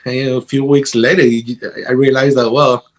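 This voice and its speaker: A Guatemalan man, a guitarist and music teacher, is being interviewed and tells stories casually in a Guatemalan Spanish accent. His medium-pitched voice is flat in delivery, and he speaks haltingly, repeating words and sprinkling in "you know."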